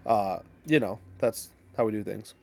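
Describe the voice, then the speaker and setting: A man's voice: fairly low pitch, moderate pace, vocal fry, darkish tone. Casual rambling male game master. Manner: casual, rambling with fillers and chuckles. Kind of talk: setting up a tabletop game.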